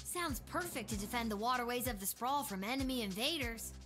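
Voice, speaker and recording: A woman's voice: fairly high pitch, expressive, brisk, over music, lightly acted. An actress voicing an eager, earnest twelve-year-old guardsman kid.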